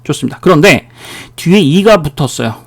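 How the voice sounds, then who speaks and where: A man's voice: fairly high pitch, expressive, fairly quick, gravelly. A man giving a recorded English pronunciation lecture, drilling words and asking the listener questions as he goes. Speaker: English teacher.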